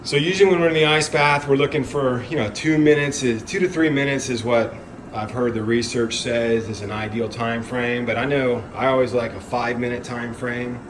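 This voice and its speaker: A man's voice: mid-range voice, steady tone, normal speed. A man talking casually and explaining as he hosts an ice bath demonstration, with an encouraging manner. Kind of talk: casual explanatory vlog talk. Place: garage. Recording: clear background noise, humming ambience.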